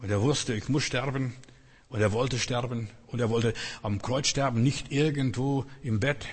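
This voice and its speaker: Husky man preaching in a reverberant hall. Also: medium pitch, fairly even intonation, normal speed. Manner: earnest, emphatic, repeats key phrases. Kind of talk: sermon.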